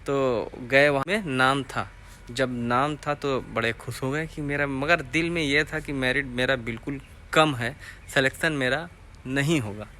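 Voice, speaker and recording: Bright-voiced young man telling a story. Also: medium pitch, measured pace, slight background noise. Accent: Hindi, eastern Uttar Pradesh. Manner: rambling, repeats phrases, asks viewers to comment. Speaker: vlogger telling his recruitment story. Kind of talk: casual storytelling to camera.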